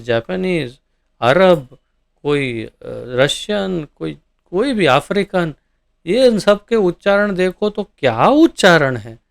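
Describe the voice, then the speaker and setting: A male preacher leads a scripture class. He speaks slowly and deliberately in a smooth, resonant voice that sits a little high. He keeps putting questions to the listeners and answers them himself. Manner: animated, rhetorical questions to audience. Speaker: ISKCON preacher.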